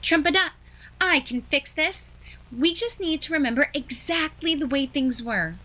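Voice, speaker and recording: Woman playing a sure-of-itself storybook elephant, raised pitch, bright tone. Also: lively intonation, moderate pace. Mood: confident. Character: confident, fix-it storybook elephant.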